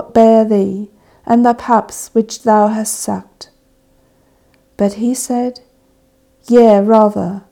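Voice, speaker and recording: A woman leading a church service, reading scripture and prayers in a measured, solemn intoning manner. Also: fairly high pitch, creaky, mellow. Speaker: service officiant. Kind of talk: liturgical reading of evening prayer.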